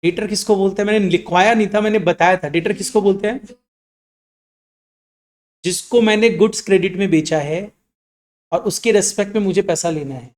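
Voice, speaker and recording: A man teaching accounts in a classroom with students, mixing Hindi and English, asking questions and answering them himself, and slowing down to dictate definitions. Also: high-pitched. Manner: slows down to dictate definitions word by word.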